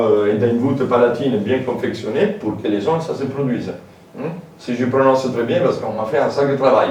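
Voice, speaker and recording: A man with a medium-pitched, darkish voice gives a public lecture in a hall, speaking with a French accent and foreign lilt. He's informal and hesitant, using many fillers and side remarks, and the recording is very echoey, with a distant mic and faint noise.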